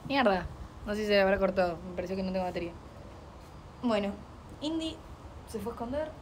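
A woman's voice: medium pitch, fairly quick, faint music behind. A young woman with a Rioplatense accent, chatting casually on a live stream at home and talking to her dog. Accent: Rioplatense Spanish. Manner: chatty, playful, talks to her dog and chat. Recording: noisy home stream audio.

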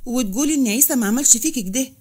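A woman's voice: high voice, lively intonation, very fast, a little mellow, slightly rough. A woman voicing a male office manager in an Egyptian accent who placates and persuades. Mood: urgent.

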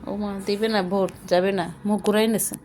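A woman's voice: mid-range voice, fairly even intonation, a little fast, a little mellow, slight background noise. A woman chatting to her cats at home, coaxing and teasing them and repeating herself over and over. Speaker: vlogger talking to her cats. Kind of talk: casual coaxing talk to pets. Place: home, in a bedroom.

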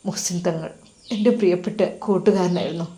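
A woman doing a soft-spoken remorseful husband. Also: steady tone, brisk, close to an everyday voice. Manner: soft, coaxing, low-voiced.

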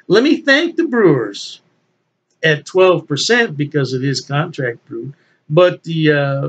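Speaking a little high with a gravelly edge, this sixty-something man runs a beer review channel and chats informally to camera. The audio has its highs cut off, and he's filming in a small indoor room at home. Eager and forceful, he tends to say things twice for emphasis.

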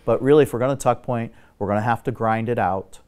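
A middle-aged man, a guest expert on building exteriors, explaining repairs in a steady, technical, instructive way on a studio talk show set. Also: mid-range voice, fast talker, clear, resonant tone.

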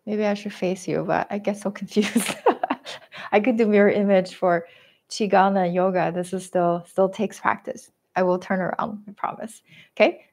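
A woman teaching a live tai chi class at home, giving gentle step-by-step cues with a quick "right?" or "okay?" between them. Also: mid-range voice, gravelly. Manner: gentle guiding cues with frequent "right?" and "okay?", self-deprecating laughs. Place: living room at home. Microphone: webcam and room mic while moving around.

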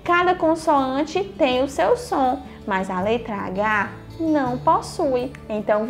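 A woman teaching a lesson to young children, slow and deliberate, in a sing-song, encouraging manner. Her voice sits a little high, and she keeps asking questions and answering them herself. Soft music plays faintly behind her. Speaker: primary school teacher.

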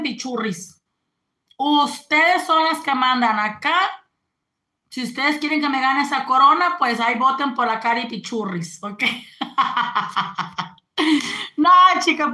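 A woman's voice: on the high side, bright, forceful tone. A woman, chatting casually on a live stream and greeting viewers. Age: 40s.

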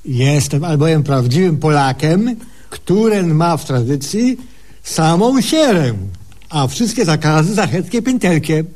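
An actor plays a cocky, simple-minded male patient in a humorous radio sketch, speaking in a folksy, ungrammatical way with drawn-out exclamations. His voice is on the high side, expressive and a little mellow, and his mood is boastful.

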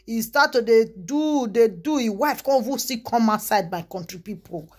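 A woman with a Nigerian Pidgin accent talks straight to her viewers, spilling gossip with loud exclamations and repeated asides. Her voice sits a little high for a woman. She keeps calling back to her audience as she goes. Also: normal speed. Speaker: vlogger. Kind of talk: casual gossip commentary.

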